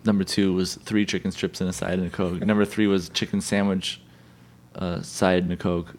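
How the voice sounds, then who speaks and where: A man's voice: low-pitched, little pitch movement, normal speed, darkish tone. A man telling rambling anecdotes in casual podcast talk, acting out the people in them. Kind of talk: casual chat, storytelling.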